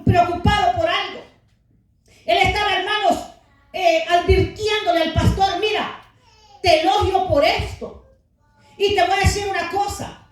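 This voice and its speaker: A woman with a very high voice preaches a Pentecostal sermon with fervor. She keeps calling out to the brethren and rises to shouts. Her voice carries from far off through a very echoey church hall.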